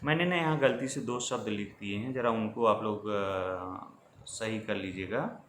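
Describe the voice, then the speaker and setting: A man's voice: on the low side, a little slow, a bit bright. A man teaching a grammar lesson over slides, explaining patiently and checking in with his students as he goes. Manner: explanatory, addresses students directly with frequent checks. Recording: echoey room with faint ambient noise.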